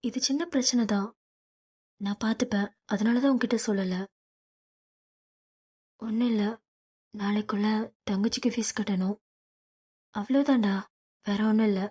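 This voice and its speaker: A woman's voice: mid-range voice, normal speed, long pauses, warm tone, slightly rough, lightly acted. A woman voicing a proud, self-respecting young woman in an audiobook, speaking sharply and indignantly. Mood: light, relieved. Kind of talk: audiobook character reading.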